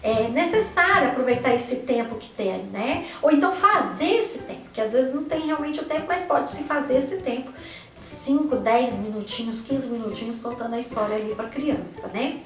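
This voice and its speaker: A woman's voice: fairly high pitch, normal speed, roomy sound, recorded from a distance, faint music behind. A Brazilian woman, a teacher, giving an online lesson to parents and teachers, posing questions and answering them herself, with frequent checks like "right?". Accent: Brazilian Portuguese. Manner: didactic, asks and answers her own questions, frequent "né?" and "tá?". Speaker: teacher and educator.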